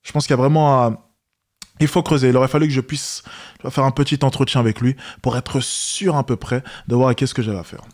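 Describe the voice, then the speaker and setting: A man's voice: medium pitch, steady tone, brisk, darkish tone. A man hosting a reaction video, commenting and coaching his viewers directly.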